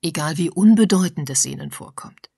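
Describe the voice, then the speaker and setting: A woman voicing an insistent male investigator with a raised, urgent delivery and a husky, gravelly voice. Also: on the high side, normal speed, dark tone, no room sound, studio quality.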